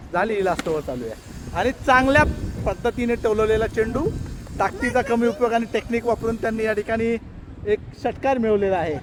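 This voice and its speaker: A man's voice: high-pitched, slight background noise. A man giving playful, announcer-style commentary on a family cricket match outdoors, filmed on a handheld camera.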